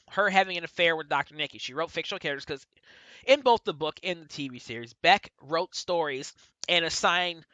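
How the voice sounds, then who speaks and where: A man talks through a casual review in a bright, edgy voice, looping back to correct himself and padding his sentences with fillers. The sound is dry and close, with no room around it. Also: a little high, no room sound, highs cut off. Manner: rambling, self-correcting retelling with lots of fillers. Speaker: book and TV reviewer.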